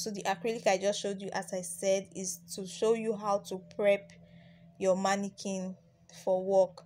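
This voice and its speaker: A woman's voice: medium pitch, a little mellow. A young woman from Nigeria narrating a beginner nail tutorial as a voice-over, chatty, with plenty of ums and restarts. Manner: chatty, repeats herself, many ums and restarts. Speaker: nail tech teaching beginners. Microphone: voice-over recording.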